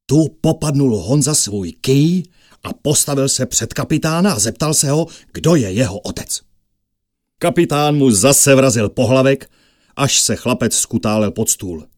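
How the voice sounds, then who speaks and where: A man narrating a fairy tale with lively storytelling that rises with the action. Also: medium pitch, no echo, studio quality.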